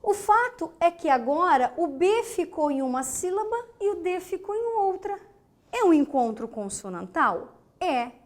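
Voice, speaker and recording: A woman's voice: very high-pitched, sing-song, measured pace. A woman teacher with a Brazilian Portuguese accent giving a grammar lesson, emphatic, repeating key words and checking in with the class.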